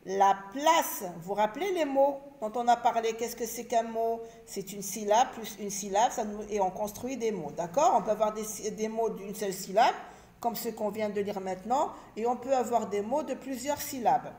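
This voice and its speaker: A woman teacher giving a reading lesson to children, spelling out syllables slowly and clearly and repeating each word. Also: fairly high pitch, dark tone.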